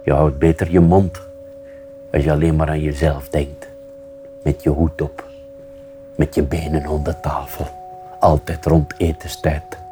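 A man with a Flemish accent reading a children's book aloud, voicing the inner thoughts of a quiet, stubborn young boy. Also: extremely low pitch, flat delivery, a little slow, long pauses, soft background music, voice pushed down. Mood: defiant. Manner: inward, quietly defiant.

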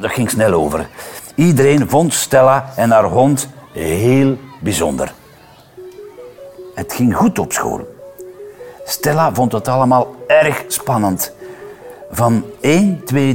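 Man reading a children's story aloud, expressive, lively sing-song pitch, faint music underneath. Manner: expressive, playful, voices each character. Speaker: reader.

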